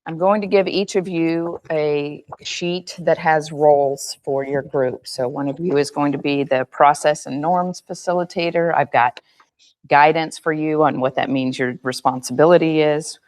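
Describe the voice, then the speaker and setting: A woman's voice: sits low, fairly even intonation, moderate pace, a little mellow. A woman who is losing her voice, giving a meeting group directive step-by-step instructions. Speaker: meeting facilitator. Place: meeting room.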